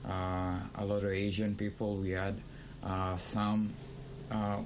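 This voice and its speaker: A young man who grew up in Kenya leads a casual discussion in a fairly low voice. He speaks in a thoughtful, measured way and pauses to find his words. Faint background noise runs under the recording. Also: flat delivery. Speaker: podcast co-host.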